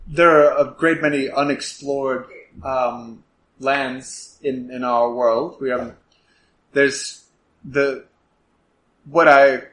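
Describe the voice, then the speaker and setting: A man running a tabletop role-playing game as game master, improvising in a halting way with many fillers. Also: mid-range voice, fairly even intonation, a bit bright, poor audio.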